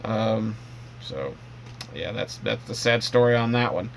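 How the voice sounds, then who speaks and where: A man's voice: lowish voice, expressive, measured pace, gravelly, slight background noise. A man talking casually in a vlog, rambling with frequent fillers and restarts. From Canada. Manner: rambling, with many ums and restarts. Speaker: vlogger. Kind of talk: casual monologue.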